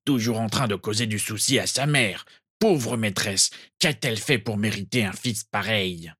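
A man's voice: on the low side, normal speed, a bit bright, husky, dry recording, clean studio sound. A man reading a storybook and voicing a grumbling, resentful old male house-elf servant.

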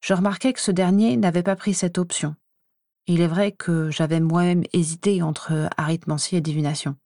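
A woman reading a first-person story aloud in an even, measured way. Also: lowish voice, dry recording, clean studio sound. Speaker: audiobook reader.

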